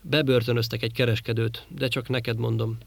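A man voicing a gruff, grumbling male space trader in an audiobook reading. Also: medium pitch, flat delivery, no echo. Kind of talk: audiobook character voice.

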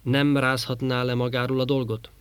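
A man's voice: mid-range voice, level tone, clean tone, no echo, close to an everyday voice. A man reading as Gorm, a grinning young trader. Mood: curious. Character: grinning young male trader, easygoing and curious. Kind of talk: audiobook character voice.

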